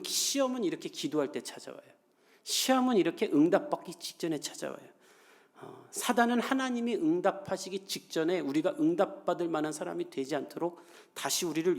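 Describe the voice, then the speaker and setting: Male pastor, preaching, higher-pitched voice, chatty delivery, acts out voices, rising emphatic peaks. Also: gravelly. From South Korea. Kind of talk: sermon.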